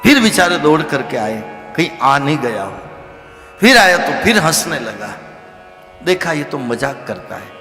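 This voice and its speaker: A man giving an animated devotional scripture discourse as a religious storyteller, sometimes rising to loud exclamations. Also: fairly high pitch, unhurried, echoey room, big-room sound, soft background music. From Rajasthan, India.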